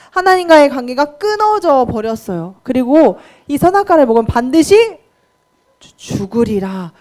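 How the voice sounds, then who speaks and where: A woman's voice: high voice, darkish tone. A young woman preacher giving a children's sermon in a church, talking to the kids with questions and quizzes. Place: church children's worship room.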